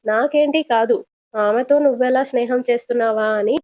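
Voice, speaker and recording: A woman's voice: a little high, moderate pace, a little mellow, no echo, studio quality, close to an everyday voice. A woman voicing a blunt, teasing young male cab driver while retelling a serial episode, firing probing questions. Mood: needling.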